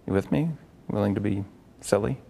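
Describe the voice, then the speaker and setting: A man working as a therapist in a live demonstration before a group, coaching a client with quick probing questions and repeated words. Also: on the low side, vocal fry, mellow, a little hiss or hum. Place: room with an onlooking group.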